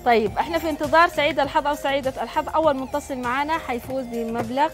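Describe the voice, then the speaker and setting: A woman's voice: high voice, very fast, music in the background. A woman with a Sudanese Arabic accent presenting a live TV show in a chatty, congratulatory way. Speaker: TV show host and prize draw presenter. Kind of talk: live TV presenting, reading messages and announcing prizes. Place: TV studio, standing.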